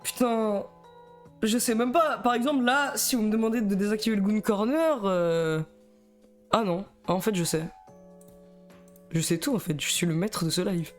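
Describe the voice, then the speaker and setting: A man's voice: high-pitched, normal speed, pauses often, faint music behind. A young man with a Belgian French accent, chatting nervously and rambling on a live stream, stammering and laughing. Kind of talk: casual live stream chat.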